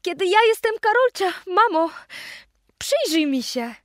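A woman's voice: very high voice, big pitch swings, unhurried, dry recording, clean studio sound, voice pushed up, heavily acted. A woman voicing an eager, anxious young girl in a storybook reading, with an earnest, pleading manner.

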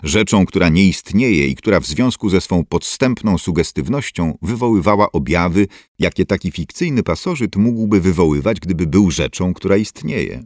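A man narrating an audiobook in a very deep voice that still moves lively through its pitch. The reading is measured and expressive, recorded close and completely dry. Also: no room sound. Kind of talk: scripted narration.

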